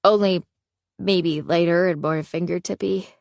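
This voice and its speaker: A woman's voice: on the low side, fairly even intonation, a little slow, vocal fry, no echo, studio quality. A woman voicing an eager, geeky young woman with a crush, talking in a flustered way.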